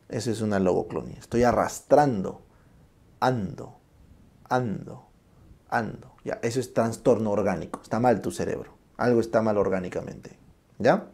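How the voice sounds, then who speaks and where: A man giving a classroom lecture, naming terms slowly, acting out examples and checking in constantly with short tag questions. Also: mid-range voice, vocal fry, mellow.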